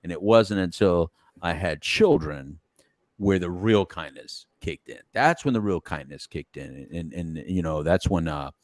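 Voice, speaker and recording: A middle-aged man hosting a podcast in casual chat, animated and rambling, laughing often as he talks. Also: low voice, unhurried, no echo, studio quality. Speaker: podcast host.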